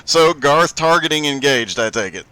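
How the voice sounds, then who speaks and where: Bright, crisp-voiced male race commentator. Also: fairly high pitch, animated, moderate pace, dry recording. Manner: upbeat, laughs often, play-by-play. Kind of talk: live sim racing commentary.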